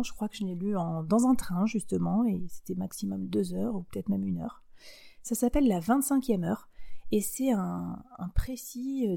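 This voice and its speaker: A woman's voice: mid-range voice, creaky, warm tone. A woman hosting a business advice show, talking in a chatty, enthusiastic way with frequent fillers and small laughs. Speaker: podcast host giving business advice. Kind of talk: casual advice monologue.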